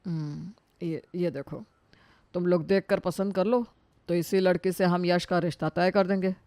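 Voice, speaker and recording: A woman doing a calm caring father. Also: on the low side, moderate pace, no room sound, close to an everyday voice. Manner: soft-spoken, patient. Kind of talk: storybook voice acting.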